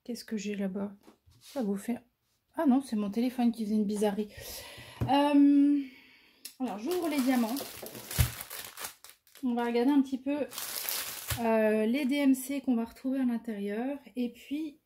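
A woman's voice: fairly high pitch, steady tone, unhurried, pauses often, warm tone, slight background noise. A woman vlogger chatting casually through an unboxing, gushing with enthusiasm over what she shows. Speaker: crafting vlogger.

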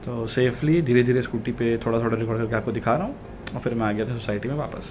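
A man's voice: mid-range voice, fast, reverberant, over music. A man in his thirties chatting casually to a handheld camera for his vlog, slipping English words into his talk. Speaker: vlogger. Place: home rooms, lift and basement parking. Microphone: phone or camera at arm's length.

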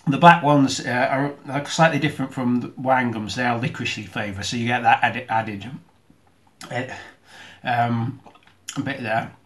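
A man's voice: mid-range voice, steady tone, normal speed, a bit bright. Man talking with his mouth full. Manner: talks while eating, with mouth full; hesitant, restarts and fillers while chewing. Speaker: video host. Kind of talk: casual food tasting demo.

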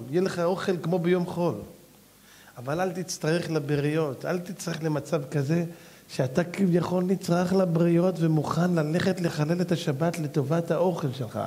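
A male rabbi lectures with fervor, his voice sitting high for a man. He drops into low, earnest tones, then climbs to ringing, shouted exclamations as he tells stories and pleads with his audience. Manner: addresses the audience directly as "gentlemen" and "brother". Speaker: rabbi giving a public lecture. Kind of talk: animated Torah lecture with storytelling.

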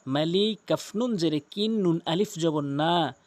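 A man teaching Quran recitation in a spoken lesson with a Bangladeshi Bengali accent. He talks emphatically and repeats each sound slowly for practice, drawing out the recited words. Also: a little high.

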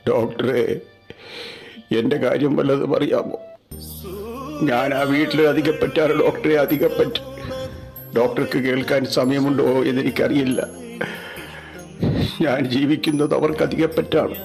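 A man's voice: medium pitch, fairly even intonation, unhurried, vocal fry, pauses often, music in the background. A man playing a poor elderly father in an amateur skit, pleading and wailing that he fears the injection. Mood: mournful. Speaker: vaccine patient in a short skit.

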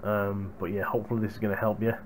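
Low-pitched young man, noisy headset mic. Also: level tone, quick pace. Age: young adult. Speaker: gaming hardware reviewer. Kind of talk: casual vlog chat to viewers. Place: small room at home, indoors. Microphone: headset boom microphone. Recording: noisy gaming headset microphone.

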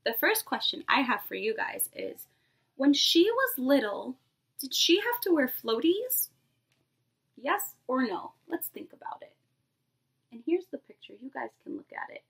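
A creaky, somewhat bright voice that sits high comes from a preschool teacher in her twenties. She gives an animated read-aloud to young children in a small indoor bedroom, talking to them directly.

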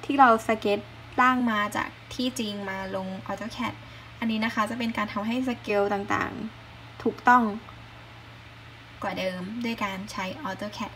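A woman's voice: fairly high pitch, fairly even intonation, unhurried, pushed and bright, slight background noise. A young woman casually talking through her interior design work, explaining each step with lots of fillers. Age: young adult. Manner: chatty, explains as she goes, many fillers. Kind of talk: casual vlog narration. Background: background music.

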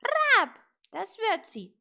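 A woman doing a shrill croaking scolding raven. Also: huge pitch swings, drawn-out words, pushed and bright, heavily acted. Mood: stern. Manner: croaks "Rab" between his words. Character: stern croaking male raven, a witch's scolding companion. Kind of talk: storybook reading.

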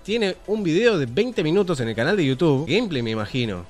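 A man's voice: on the high side, sing-song, fairly quick, faint music behind. A man with an Argentine Spanish accent hosting a casual news commentary show, opinionated and profane. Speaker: show host.

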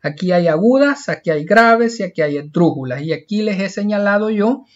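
An expressive man with a high voice teaches a lesson, raising questions and answering them himself and slowing down to spell each example word. The sound quality is dull and lo-fi.

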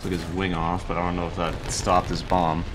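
A man's voice: deep voice, monotone, normal speed, music in the background. Wry young man commenting on gameplay. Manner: dry, wry, laughs often. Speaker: gaming YouTuber.

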